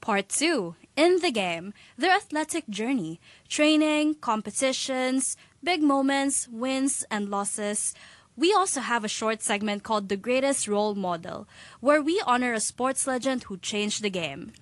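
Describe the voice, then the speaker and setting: A woman's voice: fairly high pitch, lively intonation, unhurried, no echo. A woman hosting a sports podcast in an upbeat, friendly, semi-scripted way. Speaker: podcast host.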